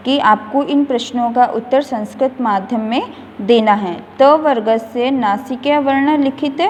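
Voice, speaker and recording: Slow high-voiced woman teacher, echoing. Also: a little mellow, a little hiss or hum. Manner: reads out Sanskrit lines, then explains them in Hindi with many "a" fillers; recites letters one by one in a slow, measured way. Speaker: school teacher. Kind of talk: slow classroom explanation.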